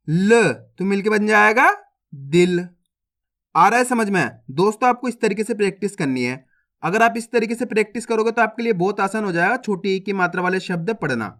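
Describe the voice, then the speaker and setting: A man teaching a reading lesson, sounding out words slowly syllable by syllable and quizzing viewers as he drills them. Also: high voice, a bit bright. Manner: slow, syllable-by-syllable, repetitive drilling; addresses viewers as friends, asks quiz questions.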